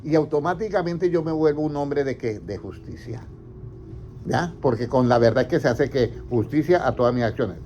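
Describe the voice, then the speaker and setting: Male pastor, dark mellow voice, call-and-response sermon, dull recording with faint noise. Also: medium pitch, animated, normal speed. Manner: asks the congregation questions and answers himself. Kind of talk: interactive sermon.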